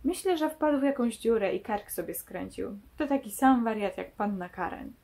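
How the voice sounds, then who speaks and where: A woman's voice: a little high, expressive, normal speed, mellow. A woman reading as a sly scheming crook. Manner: read aloud from a novel, lightly voiced. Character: sly scheming male crook, calm and mocking.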